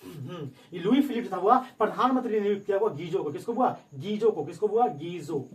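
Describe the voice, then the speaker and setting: A man's voice: sits high, expressive, fairly quick. A man teaching history to a classroom of students. He keeps asking and repeating his own questions in a call-and-response way. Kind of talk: classroom lecture.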